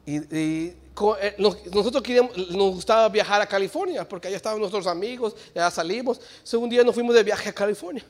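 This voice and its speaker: A man preaching a sermon in church. He swings between shouted exhortation and quiet, joking asides. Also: high-pitched, fairly quick, few pauses.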